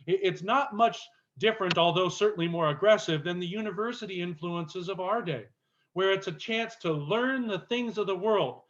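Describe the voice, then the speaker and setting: A man teaching a Bible study class at a camp, explaining the text earnestly and slowing down to stress key words. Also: high-pitched, a bit bright. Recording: dull lo-fi recording.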